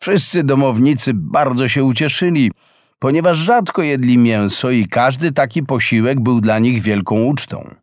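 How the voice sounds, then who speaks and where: A man narrating a fairy tale in an expressive, unhurried reading. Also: medium pitch, dry recording, studio quality. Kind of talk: storybook narration.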